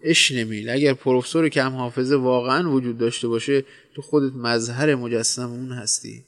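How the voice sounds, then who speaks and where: A man's voice: medium pitch, fairly even intonation, natural voice. A man voicing a blunt, teasing male friend in a storybook reading.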